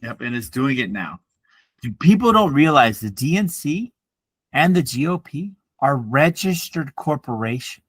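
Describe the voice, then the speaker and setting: In a husky, mid-range voice that runs a little slow, a man in his forties co-hosts a podcast with no echo on the recording. He keeps the chat casual, full of profanity, rants, and animated storytelling.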